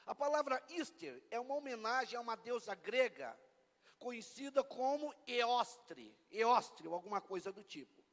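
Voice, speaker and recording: A man with a Brazilian Portuguese accent preaching a lively Easter sermon as pastor, bantering playfully with his congregation. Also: very high voice. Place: church hall. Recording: long church hall reverb.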